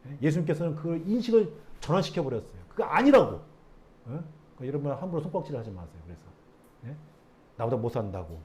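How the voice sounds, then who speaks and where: A male pastor preaching a Friday prayer meeting sermon, prodding his congregation with rhetorical questions and reading scripture aloud slowly. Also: mid-range voice, sing-song, mellow. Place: church sanctuary.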